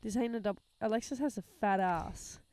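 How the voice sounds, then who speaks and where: A young woman co-hosting a podcast in casual chat, laid-back and swearing freely, her voice hoarse from being sick. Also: medium pitch, a little fast, a little mellow, no echo. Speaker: podcast co-host. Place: outdoors, lying in a hammock.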